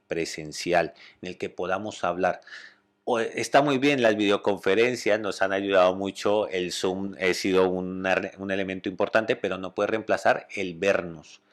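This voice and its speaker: A man with a Spanish accent, a psychologist calmly explaining communication and often checking that listeners follow. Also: low-pitched. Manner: calm, explanatory, checks understanding with "¿vale?".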